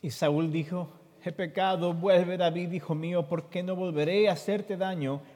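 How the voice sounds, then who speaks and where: A man interprets a sermon for the congregation. He reads scripture expressively, and his fairly high voice climbs further on the questions. A long reverb from the church hall trails after each line. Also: moderate pace. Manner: expressive reading that jumps high in the quoted questions.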